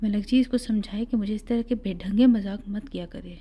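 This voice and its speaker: A caring middle-aged village mother, as a woman narrator voices her, coaxes her daughter and gently scolds her. The voice is mellow and warm. It sits at a middle pitch in a plain storybook reading. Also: a little hiss or hum, natural voice. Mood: chiding.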